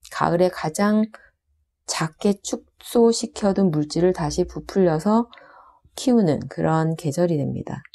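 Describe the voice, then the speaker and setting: Low-voiced, mellow woman teaching astrology. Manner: calm explanatory delivery with "어" fillers. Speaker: saju instructor. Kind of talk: lecture on Korean astrology.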